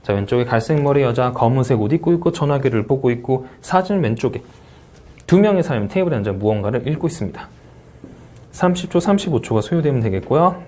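A man at a medium pitch runs an English speaking test review lecture. He talks with energy, starts his sentences with a quick filler, and repeats the scoring points so they stick. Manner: energetic, repeats key points, says "자" often.

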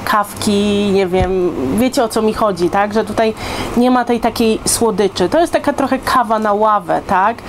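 A woman in her thirties talks casually to camera as a book reviewer. Her voice sits at an average pitch, and she keeps turning to the listener with little questions. She is recorded indoors at home, with clear ambient noise behind her. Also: normal speed. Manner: conversational, addresses listeners with frequent rhetorical check-in questions. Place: indoors, living room on a sofa.

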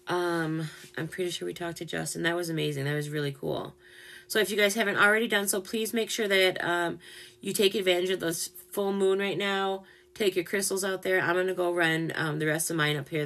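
A woman hosting a paranormal live stream in casual chat, gentle and openly emotional as she speaks to spirits directly. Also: fairly low pitch, little pitch movement, a little fast, gravelly.

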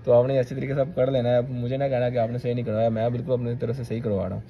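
A man's voice: mid-range voice, little pitch movement, rapid-fire, muffled recording. A male maths teacher, talking students through each step of a solution and checking in with "theek hai".

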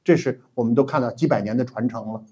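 A middle-aged man giving an animated, emphatic history lecture as a teacher, with frequent 'ah' fillers. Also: medium pitch, fast talker, breathy edge. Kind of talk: classroom-style history lecture.

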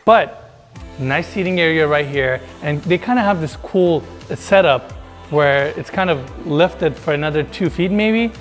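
A man's voice: a little high, measured pace, faint music behind. A man in his thirties hosting a casual home tour, enthusiastic and chatty as he talks straight to viewers, on a lapel mic indoors. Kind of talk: casual walkthrough narration. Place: large indoor house basement.

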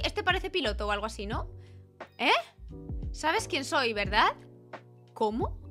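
A woman's voice: sits high, bright, forceful tone. A young woman giving playful, chatty commentary while she plays a game, reading on-screen lines aloud as she goes. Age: young adult. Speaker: gaming youtuber. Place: small bedroom with purple light. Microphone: studio mic on arm, close.

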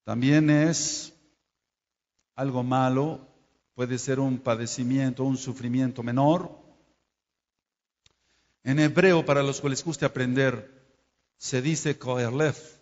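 A man's voice: medium pitch, fairly even intonation, slow pace, pauses often, darkish tone. A man preaching a Torah study sermon, scolding and speaking straight to his listeners, and stopping to spell out and explain Hebrew terms. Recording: dull lo-fi sound in a reverberant hall.

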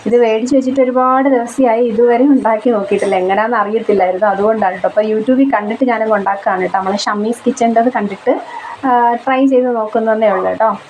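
A young woman telling about her day at home in a cooking vlog. She chats in a homely way, and her voice is hoarse from a blocked throat. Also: on the high side, fairly even intonation, fast talker, darkish tone, slight background noise, poor audio. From Kerala, India. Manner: chatty, homely storytelling with frequent tag questions. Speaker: cooking vlogger. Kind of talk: casual vlog voice-over. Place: home kitchen. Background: rain.

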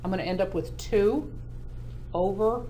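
A woman's voice: medium pitch, unhurried, mellow, a little hiss or hum. A woman math teacher giving a classroom lecture, explaining step by step and often checking in with the class.

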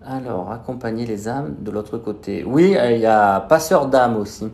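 Young man, slushy lisped s, casual live-stream host, mid-pitched voice, echoey room. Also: normal speed, gravelly, darkish tone. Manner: slushy lisp on s sounds. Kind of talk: casual live-stream chat, reading out viewers' questions. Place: small indoor room. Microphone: phone at arm's length.

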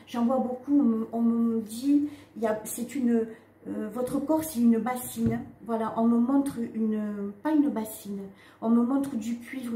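A woman giving a casual spiritual card reading, talking straight to her viewers in a halting way with frequent "hein" and "d'accord" tags. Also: on the high side, dark tone. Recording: echoey room with faint ambient noise.

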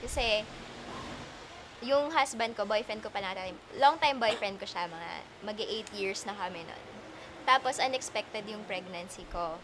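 A woman's voice: mid-range voice, unhurried. Chatty woman, noisy background. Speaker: interviewee, daughter recalling her mother. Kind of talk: casual personal storytelling.

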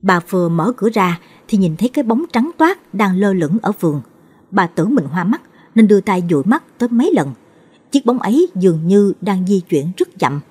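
A woman telling a ghost story as scripted narration, voicing the characters' lines with shifts in pitch. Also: very animated, a little fast, a little mellow, breathy edge.

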